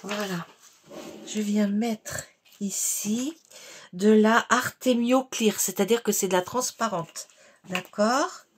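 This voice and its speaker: Slow, chatty woman demonstrating crafts. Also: medium pitch, fairly even intonation, breathy edge. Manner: chatty, unhurried, many fillers and "voilà". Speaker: card-making tutorial host. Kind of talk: casual step-by-step craft tutorial.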